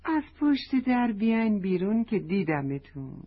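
Woman reading as a curious little girl, eager and bouncy in pitch, breathy tone, dull lo-fi sound. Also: sing-song.

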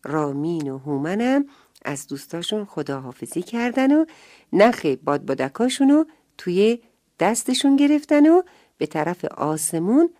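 A woman telling a bedtime story to children, gentle and expressive, sometimes dropping to a whisper. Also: on the low side, no echo, studio quality.

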